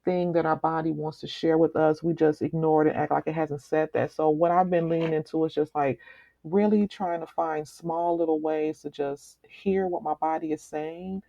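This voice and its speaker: Woman author guest, mellow, earnest, meditative delivery; lo-fi muffled audio. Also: sits low, fairly even intonation, creaky, no room sound. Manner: slow, meditative, earnest with soft laughs. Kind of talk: reflective conversation. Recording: slightly muffled lo-fi recording.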